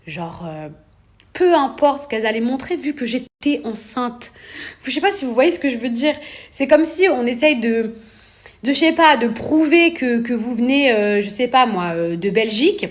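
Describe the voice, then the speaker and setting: A woman's voice: fairly high pitch, expressive, normal speed. Young woman, influencer, casual monologue to camera; emphatic and indignant, repeats words for stress, flares into heated peaks. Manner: rising to heated outbursts. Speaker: influencer addressing her followers.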